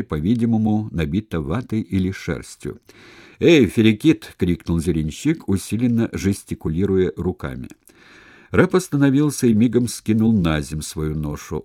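A deep, dark-toned man reads a historical novel aloud. His intonation rises and falls a lot as he tells the story. The recording is dry and close. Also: dry recording. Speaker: audiobook narrator. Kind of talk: scripted narration of a historical novel.

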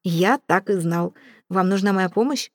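A woman's voice: medium pitch, a little slow, no echo, clean studio sound, lightly acted. Woman reading as a haggling male journalist. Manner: bargaining, breezy. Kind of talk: audiobook character reading.

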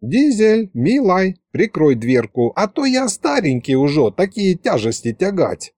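Man doing a sly old grandpa, slow folksy drawl, dry close sound. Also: sits high, sing-song, a little mellow, dry recording, voice pushed up, heavily acted. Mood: crafty. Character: wily old grandfather, calm and crafty.

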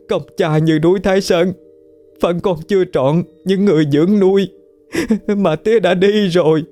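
A man doing a shrill wailing young woman. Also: a little slow, dark tone, soft background music. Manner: shrill sobbing wail. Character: hysterical young woman fake-wailing at a funeral.

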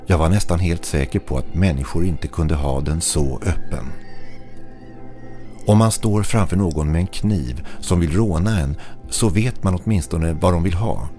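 A man with a very low, dark voice reads a scripted horror story in the first person. His delivery is steady and measured. Faint music plays underneath. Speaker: narrator.

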